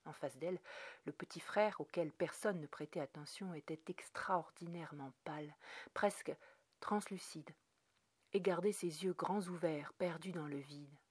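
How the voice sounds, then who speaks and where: A woman narrating a dark story in a measured read, often dropping to near whispers. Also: sits low, breathy edge, dry recording. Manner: measured, dropping to hushed tones. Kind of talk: scripted narration.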